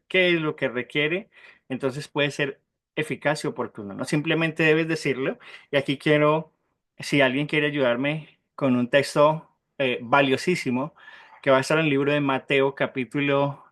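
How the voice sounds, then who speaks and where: A man teaching an interactive Bible class, often asking the group questions and checking in with a quick "right?", and slowly spelling out Hebrew terms. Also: medium pitch, a bit bright.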